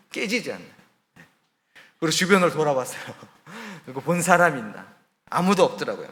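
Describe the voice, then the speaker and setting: A man who is a missionary, telling his own story in a sermon, candid and confiding, sometimes dropping soft. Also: high-pitched, big-room sound. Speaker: missionary preacher. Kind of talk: testimony sermon. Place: church sanctuary.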